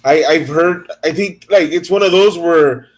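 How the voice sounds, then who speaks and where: A man's voice: fairly high pitch, a little slow. A man hosting an interview, enthusiastic and stammering, repeating words as he searches for what to say. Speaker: interview host. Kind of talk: casual interview chat.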